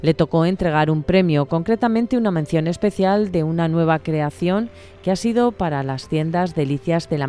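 A woman narrating a scripted news report in a measured, even way. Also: sits low.

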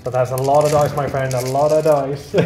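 A man's voice: medium pitch, flat delivery, normal speed. A man playing a tabletop wargame, chatting playfully and laughing often. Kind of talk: casual chat over a tabletop game. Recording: echoey room with music. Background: background music.

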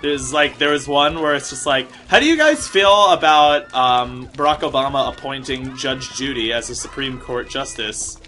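A man's voice: mid-range voice, lively intonation, normal speed, hardly any pauses, bright, forceful tone. A man voicing a bubbly, airheaded Buddhist monk with a Valley Girl accent, full of "like" and "totally.". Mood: ditzy. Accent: California Valley Girl. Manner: ditzy, peppered with "like" and "totally". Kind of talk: improvised comedy bit.

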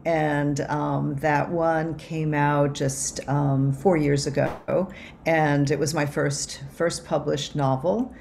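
Low, gravelly-voiced woman on a video call. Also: steady tone, slow pace, darkish tone, a little hiss or hum. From Cuba. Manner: reflective, many ums and restarts. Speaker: author and anthropologist. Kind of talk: relaxed interview answers. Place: home office.

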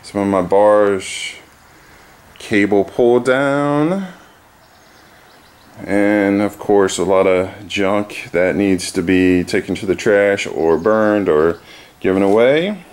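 Slow, low-voiced man filming a vlog. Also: clean tone. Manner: relaxed, rambling with fillers. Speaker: fitness vlogger. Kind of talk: casual vlog walkthrough. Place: outdoors by a house, then a garage. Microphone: handheld camera at arm's length.

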